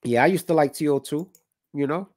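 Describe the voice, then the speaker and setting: Fairly quick and darkish in tone, this higher-pitched man in his thirties hosts a boxing livestream from a home room with colored lights. Slightly stuffy from a cold, he keeps a casual, opinionated conversation going and reads chat comments aloud. Clean studio sound without echo.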